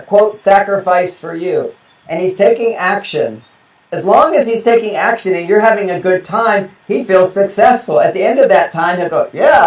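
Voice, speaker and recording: A man with a high voice tells lively stories as an interview guest, laughing and acting out what people said. The recording is roomy and echoey, with the mic set well back. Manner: animated, laughs often, acts out quotes. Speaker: guest relationship expert. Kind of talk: interview storytelling. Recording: roomy echo, distant mic.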